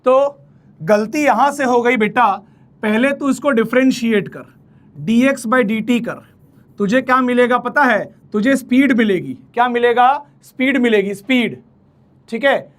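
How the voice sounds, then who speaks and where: A man's voice: very high voice, unhurried. A man teaching physics in an online exam-prep lecture, coaxing and familiar, repeating key phrases and speaking.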